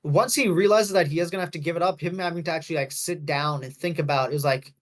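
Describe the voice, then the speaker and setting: Fast-talking rambly man. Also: a little high. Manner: rambling, heavy on fillers, self-correcting. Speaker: podcast co-host. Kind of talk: casual movie discussion.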